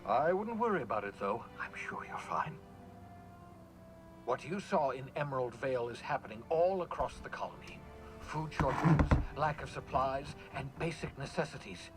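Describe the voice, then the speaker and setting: A man's voice: mid-range voice, expressive, normal speed, music in the background, lightly acted, rough recording. A man voicing a chatty eccentric scientist. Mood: scheming. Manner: chatty, offhand, darkly cheerful. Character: eccentric rambling male colony scientist. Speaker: game character. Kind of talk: video game dialogue.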